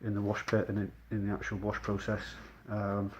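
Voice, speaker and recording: A man speaks in a low, fairly flat voice, muffled behind a dust mask. He explains his trade in a casual, chatty vlog style. There is clear noise behind him. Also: moderate pace. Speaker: rug cleaner presenting his own work. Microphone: speaking through a dust mask.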